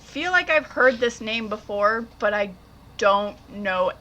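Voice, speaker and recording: A woman's voice: on the high side, animated, slow, sharp tone. A woman co-hosting a casual podcast, teasing, giggly and enthusiastic. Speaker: podcast co-host.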